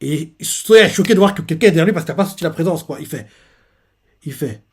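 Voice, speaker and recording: A man retells a manga chapter for a live reaction stream, his voice sitting a touch high. He rambles loosely, stacking fillers as he goes. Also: lively intonation, quick pace, breathy edge. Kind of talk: casual live reaction recap.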